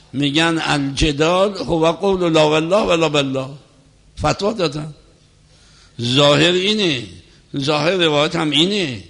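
A man giving a religious lecture on law as a cleric, explaining points in a measured, teacherly way. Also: on the high side, creaky. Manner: measured, explanatory lecturing, recites scripture softly. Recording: long hall reverb.

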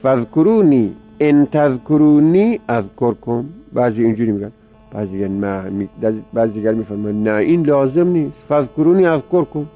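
A man's voice: on the low side, faint music behind. A male teacher giving a grammar lecture, explaining step by step and repeating words aloud as drills. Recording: dull lo-fi recording with mains hum.

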